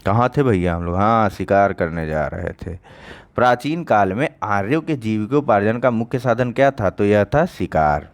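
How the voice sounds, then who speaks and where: A man with a fairly low voice teaches an online exam-prep lesson. He talks in a casual, chatty way, repeats each answer and often stops to check that his students are following. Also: animated, normal speed. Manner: conversational, repeats key answers, checks understanding with "ठीक".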